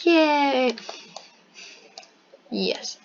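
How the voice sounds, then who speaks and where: A woman with a fairly high voice commenting on her own game session. She talks in a wry, mock-formal tone, now and then slipping into joke accents. The recording is muffled and lo-fi, like a cheap home microphone. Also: lively intonation, extremely slow, a little hiss or hum. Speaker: gameplay narrator. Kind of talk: gameplay commentary. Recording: dull lo-fi microphone.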